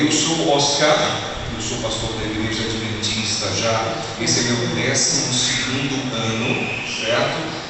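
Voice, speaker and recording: A man in his thirties, a pastor from Maceió, Brazil, gives his congregation an earnest, direct sermon in Alagoas-accented Brazilian Portuguese. His pitch is medium. The recording comes from an echoey church sanctuary, far from the mic, under heavy background noise.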